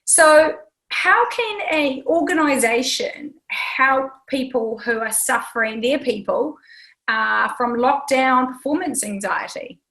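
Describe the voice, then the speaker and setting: A woman's voice: high-pitched, animated, takes it slowly, bright, forceful tone, rough recording. A woman hosting a casual interview chat, talking freely with many ums and restarts. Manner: chatty, lots of ums and restarts. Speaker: talk show host.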